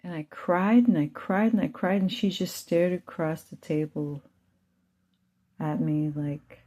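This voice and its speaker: A woman's voice: lowish voice, steady tone, unhurried, warm tone. A woman and mother telling a rambling, emotional personal story to her channel's viewers. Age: adult with children. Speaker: channel host.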